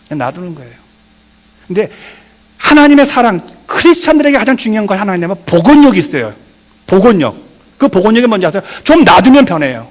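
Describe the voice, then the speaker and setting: A middle-aged male pastor preaching a sermon, swinging between loud emphatic peaks and quiet asides, addressing the congregation directly. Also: high voice. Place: church sanctuary. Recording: long reverb of a church hall.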